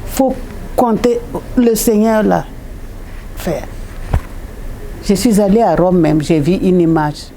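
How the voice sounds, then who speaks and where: A woman, a religious sister, telling a personal faith testimony about her hospital chaplaincy work, repeating phrases and jumping high in pitch when she quotes people. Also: slow, long pauses, mellow, slight background noise. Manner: repetitive, retells with quoted dialogue and sudden high leaps.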